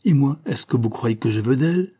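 A man's voice: lowish voice, fairly quick, mellow, slightly rough. A man voicing a stout, sullen middle-aged businessman who grumbles, in an audiobook reading. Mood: grumpy.

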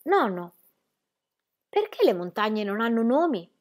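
High-pitched little girl, as a woman reads her, lively and curious, bursting with questions, voice leaping up and down, storybook reading. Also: unhurried. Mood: eager. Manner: excited, full of questions.

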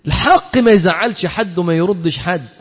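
A man's voice: high voice, brisk, slightly rough. A man with an Egyptian accent preaching a sermon, firing rhetorical questions and acting out little dialogues. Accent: Egyptian Arabic. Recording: dull reverberant hall recording.

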